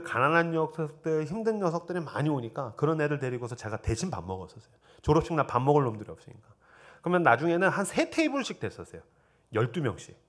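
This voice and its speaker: A middle-aged man preaching at a church teachers' seminar, telling personal stories and acting out quoted dialogue with lively swings between loud, excited passages and low murmurs. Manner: animated, quotes himself and students in lively dialogue. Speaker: pastor. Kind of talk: sermon storytelling at a teachers' seminar. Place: church sanctuary.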